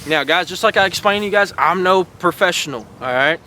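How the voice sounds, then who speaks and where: High, bright-voiced man teaching. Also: brisk, slight background noise, low-quality recording. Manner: folksy and encouraging, repeats "all right" and "guys". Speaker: host teaching duck calling. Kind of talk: casual outdoor instruction.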